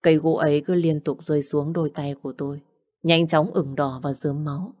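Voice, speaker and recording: A woman's voice: deep voice, steady tone, a little fast, dark tone, dry recording, clean studio sound. A woman narrating a dramatic first-person story.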